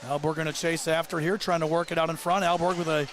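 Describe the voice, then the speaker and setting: A man working as play-by-play commentator, calling a hockey game rapidly and getting excitable on big plays. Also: a little high, a little hiss or hum. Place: live at an ice rink.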